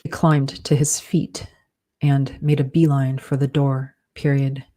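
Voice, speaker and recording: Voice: mid-range voice, little pitch movement, a little slow, dark tone. An author dictating a novel aloud, speaking each punctuation mark and saying "undo" to fix slips. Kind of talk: slow dictation with spoken punctuation.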